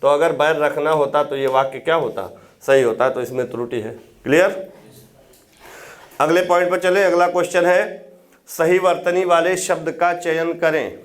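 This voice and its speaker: A man teaching Hindi grammar for exam prep, explaining step by step, repeating key words for students to note and checking in with quick questions. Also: on the high side.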